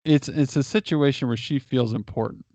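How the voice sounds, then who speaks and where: A married adult man, appearing as a guest, gives casual advice in a long explanation, frequently restarting and repeating himself. His voice is medium-pitched and mellow at a normal speed, and the recording is dry with no echo, sounding dull and lo-fi.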